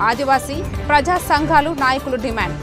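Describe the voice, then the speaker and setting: A woman news anchor reading the bulletin in a formal, measured way. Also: high voice, music in the background.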